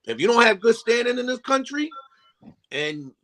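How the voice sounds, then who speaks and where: A man with a notably high voice, co-hosting a casual podcast. He tells stories in an animated way and often repeats himself as he builds a point. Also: moderate pace. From New Jersey. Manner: animated storytelling, repeats phrases. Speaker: podcast co-host. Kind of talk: casual chat.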